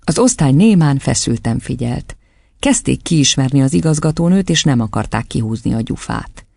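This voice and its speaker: A man narrating an audiobook in measured storytelling. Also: medium pitch, lively intonation, gravelly, a little mellow, no echo, studio quality.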